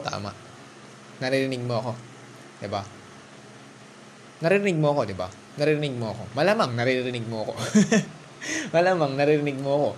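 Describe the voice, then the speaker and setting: A man at a mid-range pitch talks casually and encouragingly, often turning to the listener with little asides. He mixes Tagalog and English as he goes, alone in his room with a faint hiss of noise behind him. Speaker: vlogger. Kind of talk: casual motivational monologue.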